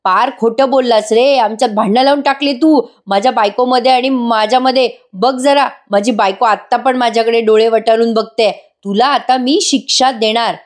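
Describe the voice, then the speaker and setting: A woman's voice: a little high, fairly even intonation, normal speed, few pauses, lightly acted. A woman voicing a young husband who pleads with his wife and scolds his friend. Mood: scolding.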